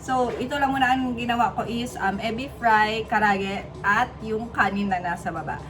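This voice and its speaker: A woman's voice: on the high side, steady tone, normal speed, fairly bright tone. A Filipina mother from the Philippines chatting casually in a home vlog, talkative and self-mocking with playful asides. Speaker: vlogger mom. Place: home kitchen.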